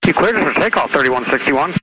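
Man, cockpit radio transmission, clipped fast calls, bright sharp tone. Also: a little high, lively intonation. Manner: clipped radio call-and-response. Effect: crackly cockpit radio transmission. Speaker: pilot on air traffic radio. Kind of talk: aviation radio exchange.

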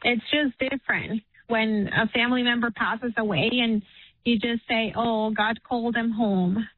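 A woman calling in to a radio show on a phone line that keeps cutting out, talking in a hesitant, halting way with many fillers. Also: a little high, fairly even intonation, breathy edge. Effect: phone call that keeps cutting out, asked about Bluetooth or speakerphone. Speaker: radio call-in caller. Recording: tinny, dry phone line.

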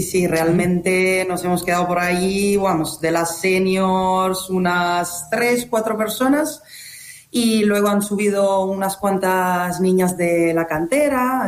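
Cheerful Italian woman, roomy sound. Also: on the low side. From Italy. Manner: cheerful, laughs often, talks in quick bursts. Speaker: volleyball team captain. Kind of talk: radio interview.

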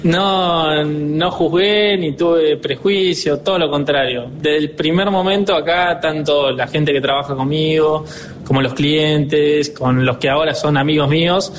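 A young man in his twenties, Argentine-accented, fields interview questions as the director of a dealership in an upbeat, earnest manner, pausing often on fillers. His voice runs a little high and steady, over a faint hiss or hum.

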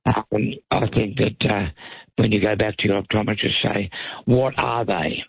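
An Australian man giving advice on a radio health phone-in in a halting, hesitant way. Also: fairly low pitch, steady tone, vocal fry, breathy edge, dry recording, narrow, tinny audio. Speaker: expert guest on health phone-in, naturopath.

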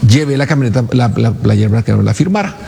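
A man's voice: mid-range voice, animated, fast talker, vocal fry, warm tone, a little hiss or hum. A man telling an anecdote in a played interview clip. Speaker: interviewed former footballer.

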